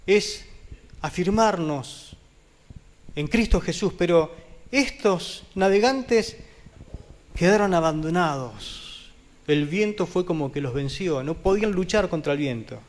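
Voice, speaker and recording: A man preaching a sermon as pastor, talking vehemently and putting questions to the congregation, with sudden swings from loud high peaks to quiet low drops. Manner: addresses the congregation directly with questions. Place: church.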